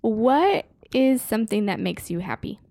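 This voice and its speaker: A middle-aged woman hosting a casual family podcast, asking her kids questions in a gentle, upbeat way. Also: a little high, animated, unhurried, no room sound, studio quality.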